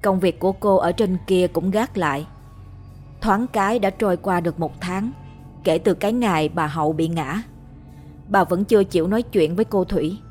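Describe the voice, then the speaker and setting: Calm woman telling a ghost story. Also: fairly low pitch, normal speed, soft background music. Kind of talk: scripted narration of a ghost story.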